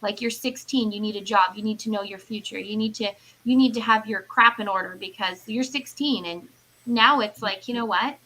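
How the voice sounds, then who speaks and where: A woman's voice: medium pitch, normal speed, pushed and bright, poor audio. A woman in her late thirties chatting casually and earnestly, rambling with lots of fillers as she makes her point. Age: 30s. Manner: earnest, rambling with many "like" and "you know". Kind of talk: casual chat.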